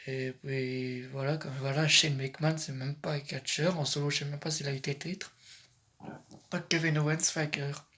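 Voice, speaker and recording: A man's voice: on the high side, level tone, moderate pace, a bit bright. Hesitant French man vlogging. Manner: hesitant, often corrects himself mid-sentence. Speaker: YouTuber giving predictions. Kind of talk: casual commentary vlog.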